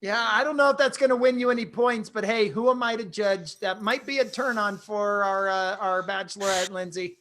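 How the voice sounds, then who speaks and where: A man's voice: sits high, steady tone, normal speed, hardly any pauses, a bit bright. Guy hosting an improv dating game online, chatty, lots of ums. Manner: chatty, hesitant, many fillers. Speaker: game show host.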